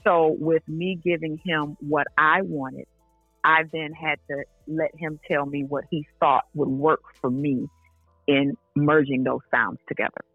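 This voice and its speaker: A woman's voice: low-pitched, fairly even intonation, unhurried, no room sound, soft background music. A woman singer speaking as an interview guest, earnest and enthusiastic. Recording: tinny phone line.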